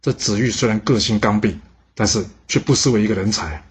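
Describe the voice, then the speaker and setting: A man's voice: fairly low pitch, brisk, breathy edge. A man voicing a clever young boy who eagerly reasons with his father. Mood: earnest.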